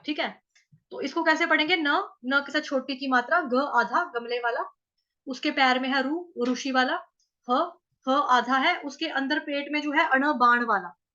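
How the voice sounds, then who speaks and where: Lady teacher w/ a high bright voice going over verse pronunciation, kinda lo-fi sound. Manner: patient, repeats syllables slowly. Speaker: scripture recitation teacher. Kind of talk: explaining and chanting verses.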